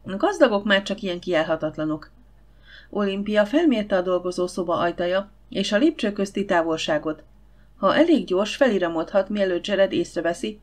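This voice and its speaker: A woman narrating a novel audiobook in a steady storytelling manner. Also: mid-range voice. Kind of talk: scripted narration.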